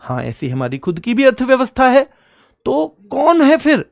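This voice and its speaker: A man's voice: very high-pitched, wildly swooping pitch, normal speed, gravelly, dry recording. A male teacher runs an online exam-prep lesson, quizzing his students and affectionately calling them son and brother. He drills each answer by repeating it several times. The recording is dry and close, with no room sound. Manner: repetitive drilling, answers his own questions.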